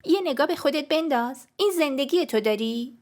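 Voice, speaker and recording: A worried young sister who pleads urgently in a lifted, higher voice, as a woman narrator puts her on. She is protective and insistent, speaking in an audiobook reading. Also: animated, a little mellow.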